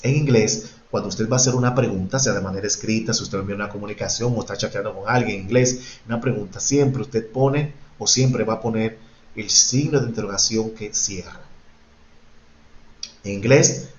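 A man's voice: on the low side, moderate pace, reverberant, highs cut off, slight background noise. Patient bilingual man teaching English online. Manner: patient, explains step by step, switches between Spanish and English.

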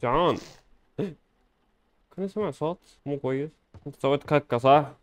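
A man commenting on gameplay casually, playful and joking with bursts of loud exclamation. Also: on the high side, moderate pace. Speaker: gaming channel host.

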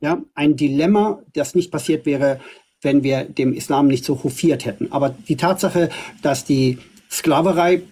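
A middle-aged Iranian man hosting a livestream argues assertively in a live debate, using lots of fillers. He's filmed up close on a phone camera indoors in front of a green screen. His voice is on the high side, husky and warm, at a normal speed.

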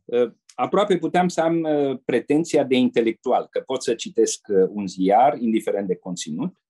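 An older man from Romania speaks in a warm, mellow and slightly husky voice. He tells his memories slowly as a guest in an interview. He often slips into the voices of the people in his stories. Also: mid-range voice. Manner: measured storyteller who acts out quoted people. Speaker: guest, retired diplomat. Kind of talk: anecdotal interview storytelling.

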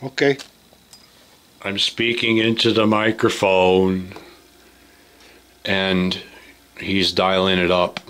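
Slow-talking joking man in a studio. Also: low-pitched, little pitch movement, a bit bright, smooth, low-quality recording. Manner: joking, loose, swears casually. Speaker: video host. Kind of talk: casual studio chat. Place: recording studio.

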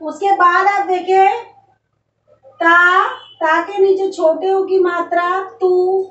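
Woman teacher drilling young pupils, very slow and patient, heard from a distance on a dull, lo-fi recording. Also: extremely high pitch, little pitch movement. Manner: slow, drawn-out syllables with repeated questions to pupils. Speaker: primary school teacher. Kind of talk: online Hindi phonics lesson. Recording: dull roomy sound from off-mic.

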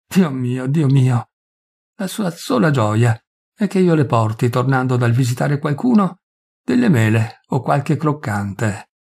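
A man's voice: mid-range voice, gravelly, darkish tone, slightly rough. A man voicing a poor young village priest, pleading and self-accusing in shame.

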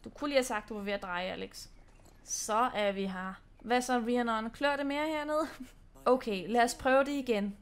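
Young woman, from Denmark, casual game commentary, chatty and playful, fairly high voice. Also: clear, resonant tone. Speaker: gaming channel host.

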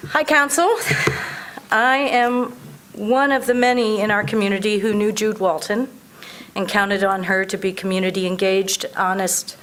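A woman's voice: medium pitch, flat delivery, normal speed, a bit bright, a little hiss or hum, poor audio. A woman reads a prepared advocacy speech as a public commenter at a council meeting, earnest and emphatic.

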